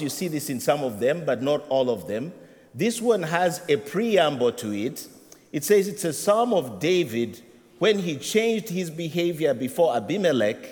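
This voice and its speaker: A middle-aged Ugandan-accented man preaches to his congregation, humorous and conversational. His voice sits a little high. The sound carries a long hall reverb from the church. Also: a little mellow. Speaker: associate rector. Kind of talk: sermon. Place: church sanctuary.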